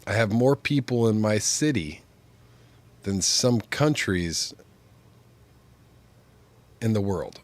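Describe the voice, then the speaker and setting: Slow and prone to frequent pauses, this fairly low-voiced man still speaks with lively intonation. He's a game streamer chatting and rambling on stream while sick with flu, his stuffed-up sinuses giving him a congested, pinched-nose nasal sound.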